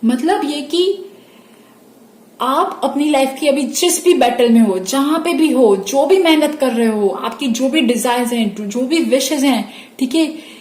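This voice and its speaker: A woman's voice: high voice, expressive, measured pace, roomy sound. A woman giving a pick-a-card tarot reading, reassuring her viewers and often checking in with them. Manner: warm reassuring, mixes English phrases, frequent "theek hai" check-ins.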